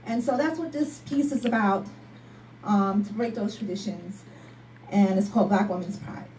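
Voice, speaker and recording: A woman from Barbados performing a spoken word poem at a live poetry night, in a rhythmic, emphatic delivery that rises into shouts. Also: medium pitch, normal speed, slight background noise. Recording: echoey room from a distance.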